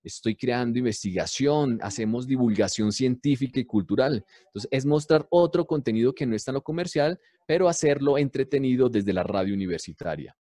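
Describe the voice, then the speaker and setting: A man who teaches and produces university radio, explaining storytelling in a lively way and answering his own rhetorical questions. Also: mid-range voice, fairly quick, hardly any pauses, dry recording, clean studio sound. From Colombia.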